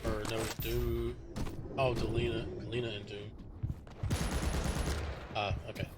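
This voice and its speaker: A man's voice: on the low side, level tone, unhurried, heavy background noise. A man casting a live video game match, giving loose, joking play-by-play. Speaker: esports caster. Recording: loud game gunfire and clicks behind.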